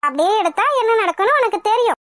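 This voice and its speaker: A woman's voice: very high voice, animated, fast, fairly bright tone, no echo, studio quality. A woman voicing a scheming, cruel middle-aged mother-in-law in a cartoon, mocking and coolly threatening. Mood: menacing. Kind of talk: Tamil cartoon voice acting.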